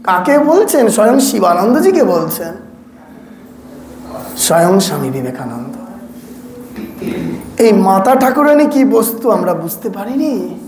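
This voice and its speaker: A man's voice: sits high, big pitch swings, a little slow, long pauses, crowd noise. An older man, a monk, giving a sermon to an audience, questioning them directly and adding wry asides. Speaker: monk giving a spiritual talk. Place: hall with an audience. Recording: echoey hall.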